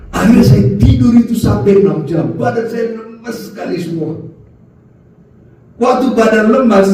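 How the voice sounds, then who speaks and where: A man preaching a lively sermon as a pastor, his voice swinging between low and high. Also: recorded from a distance, a little hiss or hum. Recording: echoey hall, voice from the mic.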